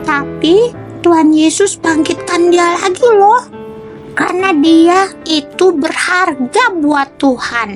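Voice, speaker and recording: An adult voicing a cheerful young child character in a children's show, speaking slowly and reassuringly. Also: very high voice. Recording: children's music playing behind.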